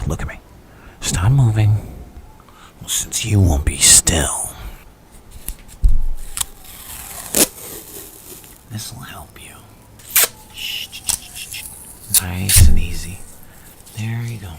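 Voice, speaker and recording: A man playing a menacing, unhinged criminal clown villain in an ASMR roleplay, whispering with a breathy, creaky rasp in a theatrical, coaxing, taunting manner. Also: low-pitched, heavily acted. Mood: coaxing menace. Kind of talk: ASMR roleplay, dramatic monologue.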